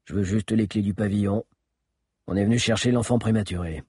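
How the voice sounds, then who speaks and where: Man doing a calm, menacing teenage giant. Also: a little fast, breathy edge, dry recording, studio quality. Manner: calm, commanding, low menace. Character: giant teenage boy leader, bold and menacing.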